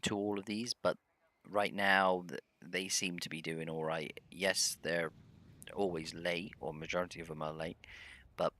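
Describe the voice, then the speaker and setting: Man, slow hesitant game commentary, hums to himself. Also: sits low, steady tone, pushed and bright. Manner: rambling, hesitant, humming to himself. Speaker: gameplay video host. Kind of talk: casual let's-play commentary.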